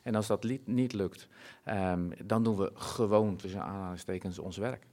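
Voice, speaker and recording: Earnest, low-voiced Dutch-speaking man. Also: fairly even intonation, normal speed, dark tone. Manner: earnest, reflective, many fillers and restarts. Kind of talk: conversational interview.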